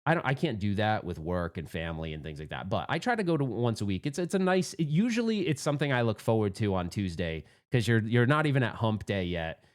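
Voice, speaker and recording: A man's voice: fairly low pitch, very animated, quick pace, few pauses. A man hosting his own channel, telling a rambling, self-mocking story in a casual, candid way. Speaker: pinball channel host.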